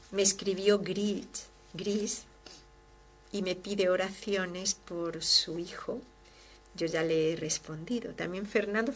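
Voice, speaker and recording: Religious sister, host, fervent and expressive, reads listener mail warmly. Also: female voice, lowish voice, creaky, breathy edge. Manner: fervent, expressive, swings from loud to hushed. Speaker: religious sister hosting a devotional program. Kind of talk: devotional talk and reading listener letters.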